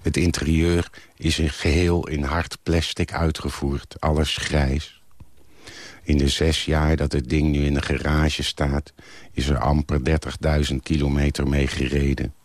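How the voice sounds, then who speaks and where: A man's voice: a bass voice, flat delivery, measured pace, a little mellow, no echo. A man reading a literary text aloud in a plain, matter-of-fact way.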